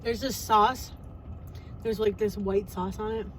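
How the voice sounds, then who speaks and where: A young woman hosting a relaxed eating vlog from a parked car, chatty and giggly. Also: mid-range voice, a little slow, slight background noise, poor audio. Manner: laid-back, giggly, chatty. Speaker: vlogger host. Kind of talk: casual chat while eating. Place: parked car in a parking lot.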